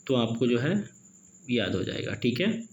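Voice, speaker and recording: A man teaching an exam-prep literature lesson, mixing Hindi and English, reading questions out slowly and adding "okay" and "friends" often. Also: mid-range voice, big pitch swings, highs cut off, slight background noise. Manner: reads questions slowly, peppers with "ठीक है" and "दोस्तों".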